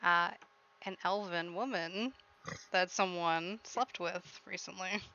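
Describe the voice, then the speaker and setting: Woman gm running a tabletop game, bright tense voice, kinda muffled lo-fi call audio. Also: on the low side, steady tone, slow pace, a little hiss or hum. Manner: plays shopkeepers in her own voice. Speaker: game master. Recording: dull lo-fi online call audio.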